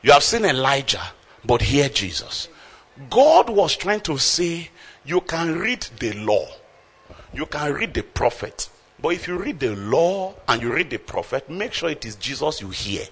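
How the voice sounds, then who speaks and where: A male preacher delivers an emphatic sermon in a slightly high, bright, forceful voice with a husky edge. His pitch leaps and falls dramatically as he drives home each point. He keeps turning to the congregation to check that they are following. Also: very animated, measured pace.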